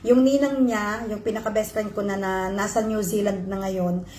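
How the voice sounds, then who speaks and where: A woman's voice: mid-range voice, steady tone, moderate pace, darkish tone, a little hiss or hum. A woman vlogger telling her viewers an emotional personal story, switching between Tagalog and English. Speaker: vlogger host. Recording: roomy echo.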